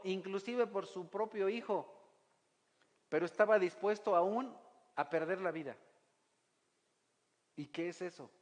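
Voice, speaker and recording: A man delivers a sermon in a slightly raised voice. He keeps putting rhetorical questions to the congregation and reads scripture aloud between his points. A long reverb trails his voice through the church hall. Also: sits high. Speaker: pastor.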